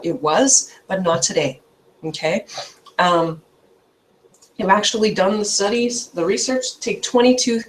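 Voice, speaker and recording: A woman's voice: fairly low pitch, slight background noise. A woman health coach from Canada giving an informal talk, emphatic and chatty, checking in with "okay?" after her points.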